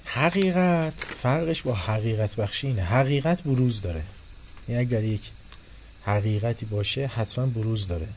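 A man giving a religious philosophy lecture to a class, animated, moving between soft and loud and acting out the people he quotes. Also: medium pitch, slight background noise. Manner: animated, shifting loudness, quotes and acts out people.

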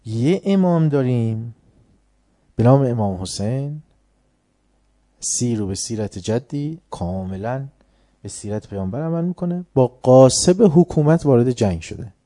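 A man's voice: medium pitch, animated, warm tone, no echo. A man giving an informal religious lecture in colloquial speech, teaching by asking rhetorical questions and answering them himself.

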